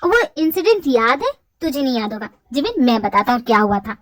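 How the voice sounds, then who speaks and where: A woman's voice: high-pitched, big pitch swings, brisk, no room sound. A woman voicing several roles in a hobby audio drama, teasing and bantering. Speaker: fan-fiction voice actor.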